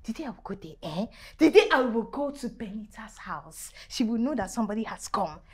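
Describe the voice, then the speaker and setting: An actress playing a gushing, excitable young woman with a Nigerian English accent who pleads and squeals over a celebrity she adores. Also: fairly high pitch, fairly quick, husky, dry recording. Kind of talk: film drama.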